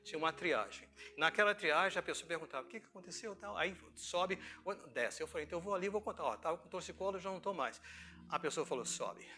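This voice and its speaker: A middle-aged Brazilian pastor gives an informal sermon with personal anecdotes, telling stories conversationally, acting out dialogue, and asking rhetorical questions. His voice is on the high side and fast. Music plays in the background.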